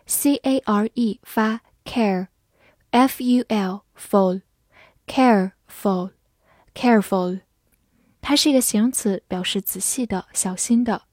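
A woman teaching English vocabulary in a scripted lesson, spelling out words letter by letter and reading example sentences slowly. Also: medium pitch, a little mellow, no room sound, studio quality.

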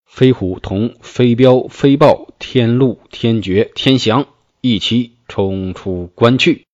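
A man reading a classical novel aloud and explaining it in colloquial speech, with lively, folksy asides. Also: medium pitch, slow pace, dry recording. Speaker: storyteller. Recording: dull, dry lo-fi recording.

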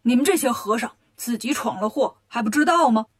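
A woman voicing a sly, scheming male Taoist villain, pitched low and smug. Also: expressive, fairly quick.

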